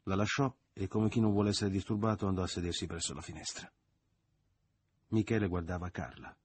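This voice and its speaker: A man reading a novel aloud as an audiobook, in measured and dramatic narration that at times sinks quiet. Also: low-pitched, fairly even intonation, husky, no room sound. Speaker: audiobook reader.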